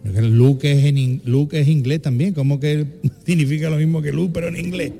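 Male host, playful needling banter, slightly high-pitched. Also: fairly even intonation, a little fast, gravelly, warm tone, soft background music. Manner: teasing, ironic interjections. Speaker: radio host. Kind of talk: radio comedy banter.

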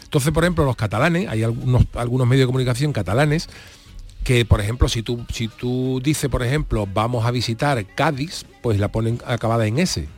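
A man's voice: mid-range voice, brisk, darkish tone. Man, Andalusian Spanish accent, radio host, casual chat, explanatory, faint music behind.

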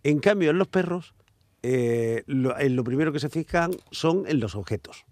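A man co-hosts a lively studio radio chat, explaining things with lots of "eh" and small restarts. His voice sits mid-range, and the booth is very dry, with no room sound at all. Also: medium pitch, moderate pace, no room sound. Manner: explanatory, with frequent hesitations. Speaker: radio show co-host.

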